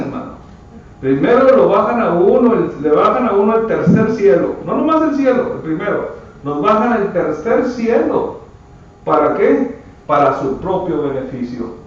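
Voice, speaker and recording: High-voiced man preaching in an echoey church. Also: a little hiss or hum. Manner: emphatic, calls listeners brother. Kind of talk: sermon. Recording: echoey church from far off, muffled.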